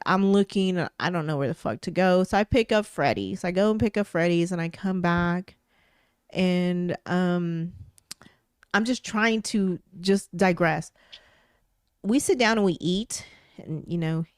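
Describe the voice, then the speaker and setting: A woman co-hosting a podcast, telling a story in casual chat, animated and swearing as she vents her exasperation. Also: on the low side, clear, resonant tone, no echo, clean studio sound. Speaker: podcast co-host.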